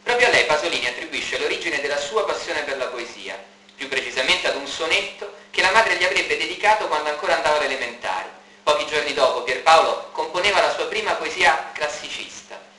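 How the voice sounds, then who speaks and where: A male documentary narrator with a very bright, sharp tone, slightly high for a man. His clear, informative delivery rings in a roomy space. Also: expressive, brisk. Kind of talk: scripted narration. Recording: roomy reverb.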